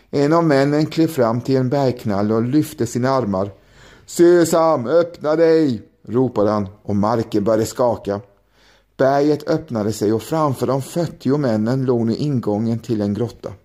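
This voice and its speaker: A male storyteller reads a children's fairy tale in a gentle, playful way. His voice is gravelly and mellow, with a dark, warm tone. He keeps it at an unhurried bedtime pace. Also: medium pitch.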